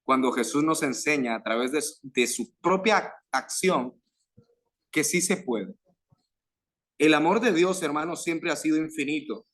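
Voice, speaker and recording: A man with a Venezuelan Spanish accent preaching a sermon to a youth group, fervent, with rising emphatic phrases and pauses. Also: a little high, lively intonation, a bit bright.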